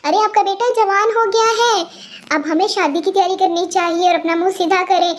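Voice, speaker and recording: A woman voicing a sharp-tongued, dramatic middle-aged mother in a fan audio story, scolding and complaining. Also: very high voice, fairly even intonation, moderate pace. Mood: excited.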